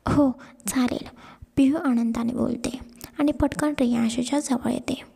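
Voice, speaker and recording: A woman narrating a romantic story in a hushed, half-whispered reading voice. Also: high-pitched, steady tone, moderate pace, vocal fry, husky. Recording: long reverb.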